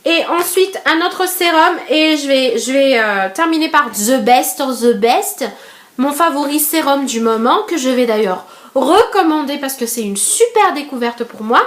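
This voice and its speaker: A young woman from Madagascar with a high voice chats through a casual beauty review vlog. She fills the gaps with hesitations, restarts her sentences and talks straight to her viewers as girls. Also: animated, measured pace. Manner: chatty, many fillers and restarts, addresses viewers as girls. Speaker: beauty vlogger.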